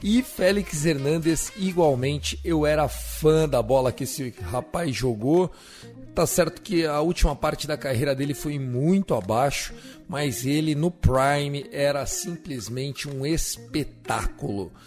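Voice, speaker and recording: Brazilian guy hosting a casual sports podcast, voice a bit high, music under him. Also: unhurried, a little mellow. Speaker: podcast host.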